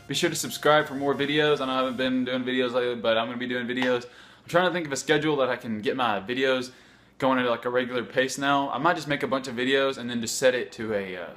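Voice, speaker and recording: A man's voice: medium pitch, fairly bright tone. A young man chatting casually to camera as a vlogger, rambling with unsure asides. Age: young adult. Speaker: YouTube vlogger. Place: home kitchen.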